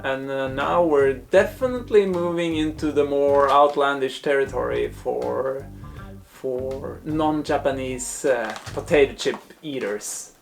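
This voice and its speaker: A man's voice: medium pitch, a little slow, creaky, faint music behind. A man presenting a casual taste-test review, thinking aloud in hesitant, broken phrases. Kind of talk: casual food review talk to camera.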